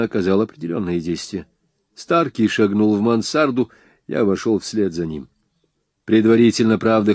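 A man narrating a first-person crime novel in an expressive way, with sharp raised outbursts for the hero's lines. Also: lowish voice, dry recording. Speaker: audiobook narrator.

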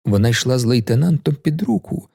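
A man narrating a novel in an audiobook, measured and expressive. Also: medium pitch, gravelly, breathy edge. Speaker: audiobook reader.

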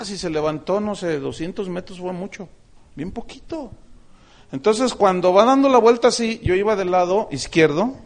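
Man, middle-aged pastor, high voice, animated storytelling sermon with humor. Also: creaky.

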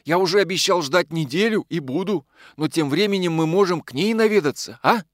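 A man voicing a boastful, short-tempered working man in an audiobook, brash and gruff. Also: high voice, expressive, a little fast, no room sound, clean studio sound, voice pushed up. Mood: grumbling. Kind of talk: audiobook character voice.

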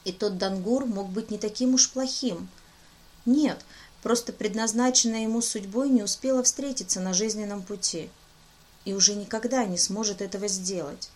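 Female audiobook narrator, middle pitch, reads in first person, gently voices dialogue. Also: normal speed.

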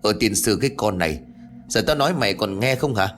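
Old village man in a ghost story, low, gruff and scolding, read by a male narrator. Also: expressive, brisk, a bit bright, faint music behind. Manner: brusque, scolding, talks down to the young.

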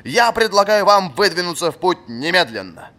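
A man reading an audiobook, voicing a gruff old male fencing marshal who barks commands at his pupil. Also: high voice, sing-song, moderate pace, voice pushed up, heavily acted. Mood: commanding. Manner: barking, shouting commands.

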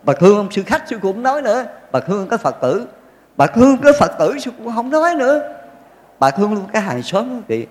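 A man's voice: sits high, very animated, fast talker. A male Buddhist monk giving a folksy dharma talk, telling stories with jokes and acted quotes. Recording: long hall reverb.

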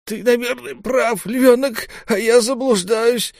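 Man playing a scheming old priest, raised pitch, spiteful gloating tone, audiobook villain. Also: steady tone, slow, vocal fry, no room sound, studio quality, exaggerated voice. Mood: mocking whine. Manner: hissing, gloating, venomous. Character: spiteful scheming old male temple mentor.

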